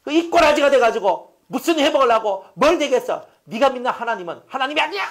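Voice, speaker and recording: A man's voice: very high-pitched, animated, fast talker, voice pushed up. A man with a Gyeongsang accent voicing a scornful, nagging middle-aged wife who scolds shrilly. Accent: Gyeongsang Korean.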